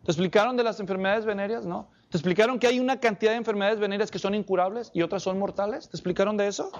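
Male preacher, high-pitched, lively sermon delivery that fires questions at the listeners; slightly muffled recording. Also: racing. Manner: animated, asks the congregation many questions.

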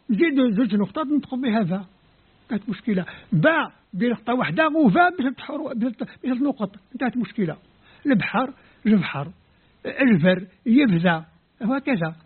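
This man's voice is very high, animated, brisk and slightly rough. He's an Algerian scholar, Kabyle by first language, lecturing in Arabic with an Algerian accent and carefully sounding out each letter and word in turn. The recording is lo-fi and tinny, as if from a phone.

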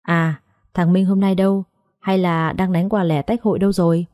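A woman's voice: on the low side, little pitch movement, normal speed, mellow, dry recording, studio quality, lightly acted. A woman voicing a blunt, exasperated young male surgeon in an audiobook story.

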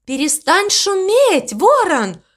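Woman doing a motherly storybook cow, patient, explains everything slow and sing-songy. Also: very high-pitched, big pitch swings, voice pushed up, heavily acted. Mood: scolding. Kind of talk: storybook reading.

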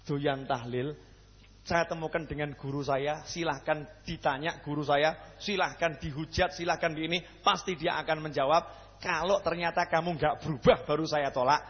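A man's voice: fairly high pitch, slightly rough, in a large hall, highs cut off. A man with a Javanese accent preaching a sermon, who keeps asking the crowd questions and joking. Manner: questions the crowd, jokey, lively. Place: mosque hall.

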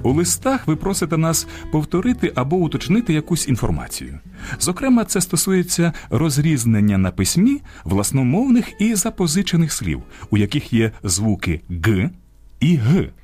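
A man's voice: wildly swooping pitch, normal speed, darkish tone. Man reading radio script with sweeping intonation. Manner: emphatic, highly varied intonation. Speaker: radio program co-host. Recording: radio studio with faint music.

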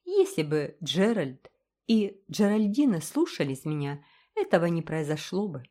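A woman's voice: lowish voice, very animated, a little slow, warm tone. Brief: composed young teacher, icy politeness, storybook, read by a woman. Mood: cool, dignified.

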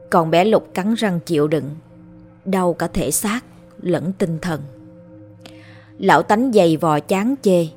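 A woman with a fairly low voice narrates a spoken horror story. She tells it in a steady, dramatic way, with soft music playing faintly underneath. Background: soft background music.

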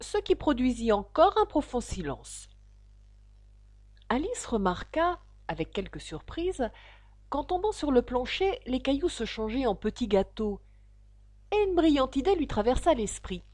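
A woman narrating a children's storybook with expressive, animated reading. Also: high-pitched, a little slow, dry recording. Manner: expressive reading, voices for each figure. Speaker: audiobook reader.

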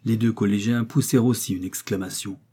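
A man reading a classic novel aloud in an even, measured narration. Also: on the low side, breathy edge. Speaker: audiobook reader. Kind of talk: scripted storybook narration.

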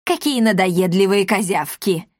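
A woman's voice: mid-range voice, expressive, measured pace, no echo, clean studio sound. A woman voicing a grumpy old male iguana who runs an apothecary lab, grumbling and irritable, in a storybook reading. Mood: irritated.

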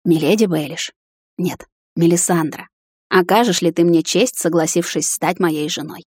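Woman reading a male captain, audiobook, husky, low rumbling, curt, probing, dry close sound. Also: moderate pace, darkish tone, dry recording. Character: stern brooding young male captain. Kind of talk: audiobook character voice.

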